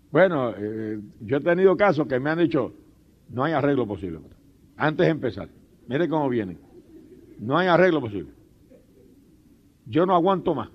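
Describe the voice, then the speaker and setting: A man preaching a sermon as pastor, fervent and humorous, breaking in often with praise to God. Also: on the high side. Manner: humorous storytelling with laughs. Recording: dull lo-fi sermon tape.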